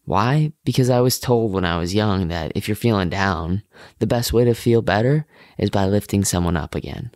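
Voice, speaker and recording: A young man with a fairly low voice hosts a podcast in a friendly, casual way. He asks questions with easy fillers. The sound is close and dry. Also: normal speed, darkish tone, dry recording. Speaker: podcast host. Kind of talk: casual interviewing.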